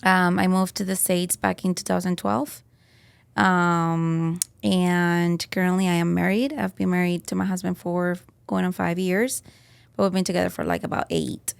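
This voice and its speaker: Woman in her 30s from colombia, gravelly low voice, chatty podcast guest, laughs a lot. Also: little pitch movement, normal speed, no room sound. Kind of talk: casual interview chat.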